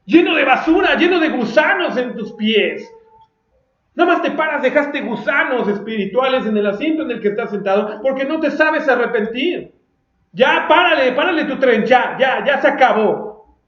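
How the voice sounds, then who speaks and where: Mexican male pastor, high voice, fiery and blunt sermon, roomy echo. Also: expressive, normal speed, a bit bright. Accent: Mexican Spanish. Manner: fiery and confrontational, with mocking asides. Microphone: recorded for video. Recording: roomy echo, dull lo-fi sound.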